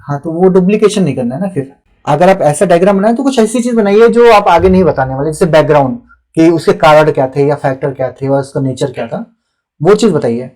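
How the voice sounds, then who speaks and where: A man's voice: on the high side, lively intonation, fairly quick, darkish tone. A young adult man, a teacher, giving live feedback on students' written answers and reading them aloud in a patient, instructive way. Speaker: teacher evaluating answer sheets.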